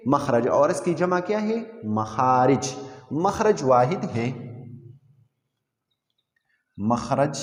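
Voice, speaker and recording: Male religion teacher, animated, quizzing students, fairly high voice, room with long reverb. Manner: lively teaching with repeated questions to students. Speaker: Quran recitation teacher. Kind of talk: classroom lesson explaining Tajweed terms.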